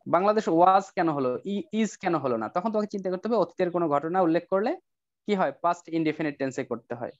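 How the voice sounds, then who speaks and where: A male English teacher giving an online class lecture, coaxing students with rhetorical questions and slowing down to spell out example sentences. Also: high voice, expressive, no echo. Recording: dull lo-fi online class audio.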